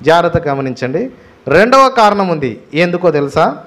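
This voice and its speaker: A man's voice: on the high side, very animated, moderate pace, fairly bright tone. A male pastor with a Telugu accent preaching a sermon, stressing his points with repeated phrases and rhetorical questions. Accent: Telugu, Andhra Pradesh.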